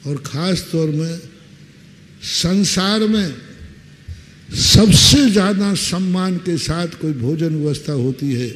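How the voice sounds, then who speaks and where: Slow, higher-pitched male preacher; plays out voices in his anecdotes; reverberant hall, faint background noise. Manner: slow, lively storytelling with acted quotes. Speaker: Jain monk preacher. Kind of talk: sermon. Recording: long reverb, faint ambience.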